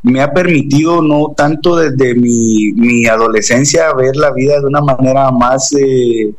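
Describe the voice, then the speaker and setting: A young man from Guatemala with a Guatemalan Spanish accent, telling his personal story earnestly and haltingly, with frequent restarts. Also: medium pitch, rough recording. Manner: earnest, hesitant, many restarts and fillers like "pues". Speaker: interview guest. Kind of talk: personal testimony.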